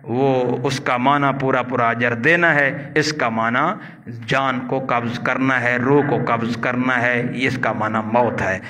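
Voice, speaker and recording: A man's voice: medium pitch, steady tone, pushed and bright. A man giving a religious lecture that explains Arabic grammar, teaching in a didactic way. He asks the audience questions and answers them himself. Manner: chants Arabic verb patterns slowly. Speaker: religious preacher.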